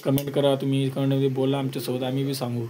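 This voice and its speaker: A man's voice: mid-range voice, completely flat delivery, fast talker, crowd noise. A man vlogging casually at home with his family, chatty and coaxing a small child to talk. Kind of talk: casual home vlog chat. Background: background music.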